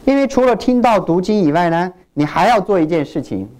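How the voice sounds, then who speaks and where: Speaking a little fast in a mid-range voice, a Chinese pastor delivers an animated sermon. He asks the congregation questions and plays out what churchgoers say.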